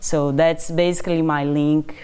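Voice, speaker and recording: A woman in her thirties from Brazil with a Brazilian Portuguese accent, a guest professor explaining her field in a measured way with frequent pauses and fillers. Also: deep voice, flat delivery, mellow, smooth. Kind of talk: interview answers.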